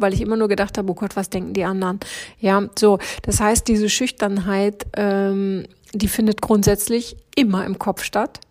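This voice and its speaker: A woman's voice: medium pitch, a little mellow. A woman hosting a motivational podcast, talking directly and encouragingly to her listeners. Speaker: podcast host, coach.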